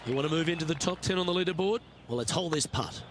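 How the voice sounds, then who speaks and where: A man playing a composed golf commentator in a video game, calling play in measured, understated short phrases. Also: on the high side, background noise, close to an everyday voice. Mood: composed, approving. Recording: loud music and crowd behind. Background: music, outdoor crowd ambience.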